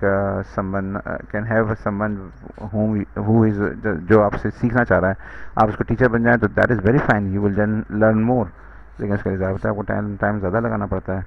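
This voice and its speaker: A man records a university video lecture, speaking straight to his students and pausing on uh fillers as he works through a problem. His voice sits a little low and has a gravelly edge. The recording sounds dull and lo-fi. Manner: code-switching into English, frequent uh fillers, direct address to students.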